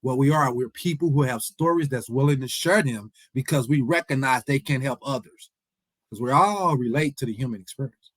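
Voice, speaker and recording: Here a forties-aged man with a medium-pitched voice talks a little fast, giving a heartfelt motivational speech in an event hall where he repeats himself and pleads with listeners. The recording is dry and rough.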